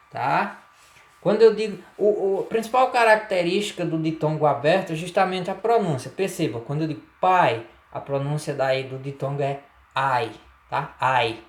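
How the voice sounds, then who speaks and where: A man with a Brazilian Portuguese accent teaching a grammar lesson, explaining step by step and asking rhetorical questions. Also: on the high side. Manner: slow, deliberate explaining, frequent rhetorical questions and "tá?". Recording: echoey room.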